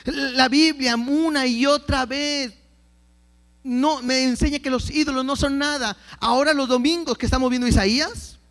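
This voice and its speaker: A man's voice: very high-pitched, steady tone, moderate pace, fairly bright tone. A man preaching a Bible lesson, reading scripture aloud and often repeating words as he starts a phrase. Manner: reads scripture aloud and acts out quoted believers. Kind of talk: Bible teaching sermon.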